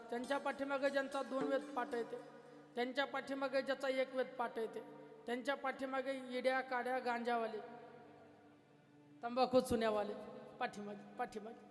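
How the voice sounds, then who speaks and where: A man from Maharashtra preaching a kirtan. He tells the story in an animated way, chants verses and asks the crowd rhetorical questions. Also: extremely high pitch. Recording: echoey hall, faint instruments.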